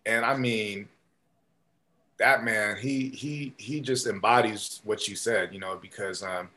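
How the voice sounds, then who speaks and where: A man telling stories as a podcast guest in a casual, animated way, with many fillers and restarts. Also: lowish voice, measured pace. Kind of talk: casual storytelling.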